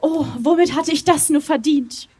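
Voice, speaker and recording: A woman reading a romantic story aloud at a reading, in a slow, dreamy way with deliberate pauses. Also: high voice, darkish tone. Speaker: reader at a public reading.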